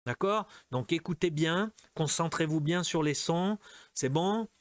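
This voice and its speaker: A man's voice: fairly high pitch, unhurried, no room sound. A man teaching a French lesson, going through exercises patiently and often checking in with the students. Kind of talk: language lesson, correcting exercises.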